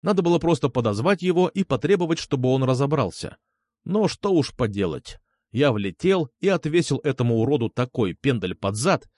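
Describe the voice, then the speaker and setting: A man narrating a story in the first person with a lively, expressive delivery. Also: mid-range voice, no room sound. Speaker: audiobook narrator.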